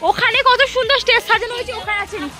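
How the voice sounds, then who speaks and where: A woman's voice: very high voice, fairly even intonation, racing, bright, forceful tone, soft background music, a faint crowd. A woman with a Bengali accent, teasing and scolding in a casual vlog.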